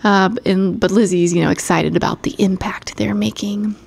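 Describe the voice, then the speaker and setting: A woman in casual chat, rambling through a recap with many fillers and quick laughs. Her voice sits at a middle pitch, and her pace wanders between slow and rushed. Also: fairly even intonation, gravelly, a little mellow, slightly rough.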